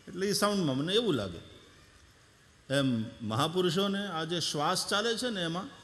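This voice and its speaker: A man's voice: high voice, expressive, normal speed, fairly bright tone. A man with a Saurashtra Gujarati accent giving a devotional discourse, telling stories, imitating sounds and breaking into song. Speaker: Bhagavata Katha preacher. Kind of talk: devotional discourse with sung bhajan. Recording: hall reverb with faint music.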